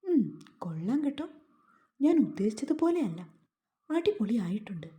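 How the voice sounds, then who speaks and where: A bitter young husband in a storybook romance, sneering and menacing, as a woman reads him. the voice sits a little high for a man but very dark and soft in tone. his words come out harsh and taunting. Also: very animated, moderate pace. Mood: mocking. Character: cruel, resentful young husband.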